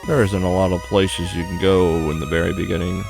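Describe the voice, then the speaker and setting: A gravelly, low male voice with little pitch movement talks a bit fast through a game playthrough. He hosts casually and plainly, reading story text from the screen while game music plays behind him.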